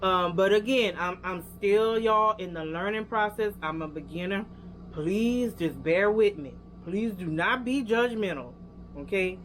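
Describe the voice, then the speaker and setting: Speaking at a measured pace in a medium-pitched voice, a young woman with a Louisiana accent casually reviews hair products for her viewers. Her talk is loose and full of fillers, and there's slight background noise.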